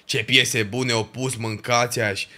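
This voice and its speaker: Bright-voiced young livestreamer. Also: male voice, mid-range voice. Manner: animated ranting with slang and swearing. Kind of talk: casual livestream chat.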